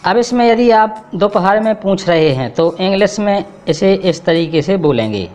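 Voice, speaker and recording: A man teaching a spoken English lesson, explaining patiently and reading each English sentence slowly, word by word. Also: sits high, darkish tone. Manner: addresses viewers as friends, explains patiently.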